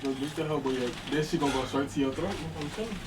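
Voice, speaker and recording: A man's voice: on the high side, rapid-fire, very noisy. A young man casually teasing his friends with profane slang. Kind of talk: casual banter among friends.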